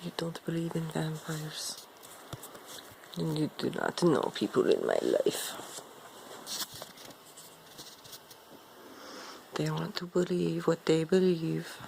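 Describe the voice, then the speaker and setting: A woman improvises an in-character monologue to the viewer as an ancient vampire, her low, heavy, gravelly voice creaking with vocal fry and a darkish tone. Slow, haughty and teasing, she is condescending, seductive and sly, calling the listener darling with menace beneath every unhurried phrase. The audio is poor, with faint noise behind her.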